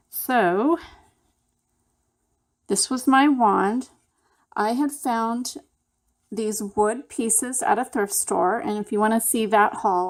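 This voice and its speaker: A woman talks through her handmade craft project at a leisurely, unhurried pace. Her voice sits at an ordinary middle pitch. Her delivery is relaxed and chatty, a casual step-by-step show-and-tell. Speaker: craft channel host.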